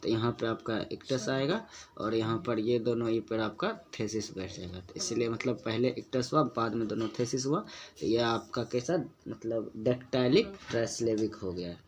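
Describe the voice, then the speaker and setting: A man teaching a lesson on poetic meter, going step by step, asking and answering his own questions and slowly repeating example words to show their stress. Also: mid-range voice, animated, a little mellow.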